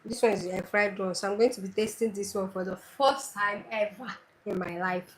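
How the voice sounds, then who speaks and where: A woman's voice: mid-range voice, steady tone, moderate pace, a little hiss or hum, low-quality recording. A woman with a Nigerian Igbo accent hosting a casual cooking tutorial, chatty and repeating her points for emphasis. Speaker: cooking channel host.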